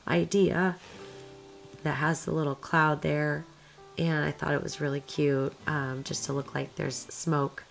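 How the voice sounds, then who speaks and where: A woman with a raspy, hoarse smoker's voice, worn from being sick, giving casual, rambling gameplay commentary in an informal way. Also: deep voice, rough recording. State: hoarse from a recent illness. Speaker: video creator narrating game footage.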